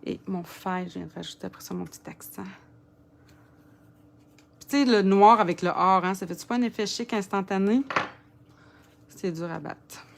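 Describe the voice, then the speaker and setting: A woman's voice: mid-range voice, moderate pace, creaky, pauses often, slight background noise. A woman with a Quebec French accent giving a casual crafting tutorial, chatting and muttering to herself as she works. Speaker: papercraft demonstrator.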